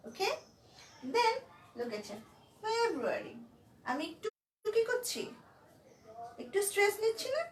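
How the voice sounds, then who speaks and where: A woman teaches English to children at a board, her very high voice slow and lively as she keeps asking check questions. She stands back from the mic, so her voice is a little distant and carries a roomy echo over faint background noise. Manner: mixes Bengali and English, asks rhetorical check questions. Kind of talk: classroom lesson for children. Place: classroom or room at a board.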